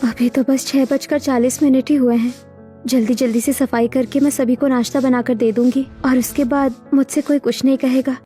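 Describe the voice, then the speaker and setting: A frightened young bride in a dramatized moral story, her voice high and tearful as a woman acts her. She stammers and pleads. Faint music plays underneath. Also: fairly even intonation, moderate pace, mellow, close to an everyday voice. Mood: anxious.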